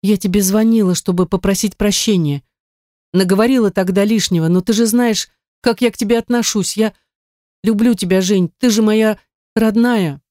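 A woman's voice: medium pitch, steady tone, normal speed, warm tone, dry recording, clean studio sound, pitched above the performer's own voice, lightly acted. A woman voicing a manipulative young woman who pleads sweetly with her older sister, in an audiobook. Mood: pleading. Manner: sweet, wheedling, affectionate pleading.

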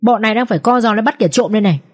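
A woman reading an audiobook voices rough village patrolmen who shout and curse gruffly. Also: on the high side, rapid-fire, lightly acted.

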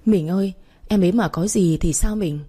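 A woman's voice: medium pitch, moderate pace, mellow, breathy edge, close to an everyday voice. Woman voicing a tearful elder co-wife. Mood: anxious. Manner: tearful, indignant.

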